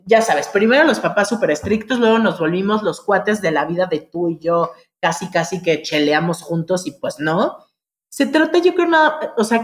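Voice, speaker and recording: Mexican woman chatting on a podcast, animated storyteller, keeps swearing it's all true. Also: fairly low pitch. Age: adult mother. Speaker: guest. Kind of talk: casual podcast conversation.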